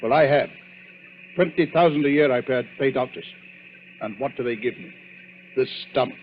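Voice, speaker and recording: An actor playing a crusty, dryly impatient gray-haired tycoon in an old radio drama. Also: male voice, medium pitch, normal speed, slight background noise, natural voice. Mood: dry, grumbling. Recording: muffled old radio recording.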